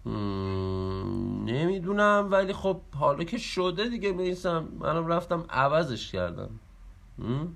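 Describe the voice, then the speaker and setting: A man performs a comedy skit with a high, bright voice. He talks loudly and with animation. He chants counts as he exercises. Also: very animated, gravelly. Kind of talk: comic skit dialogue.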